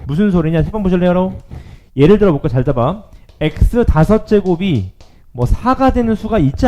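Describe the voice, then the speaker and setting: A male math teacher giving a lively classroom lecture, often checking in with his students. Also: sits high.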